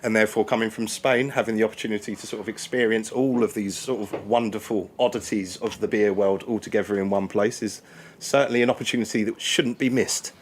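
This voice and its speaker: A man from England speaking as a guest on a radio interview, talking in a relaxed, friendly way with hesitations. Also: lowish voice, slight background noise. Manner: relaxed, friendly, halting with fillers. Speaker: brewery guest.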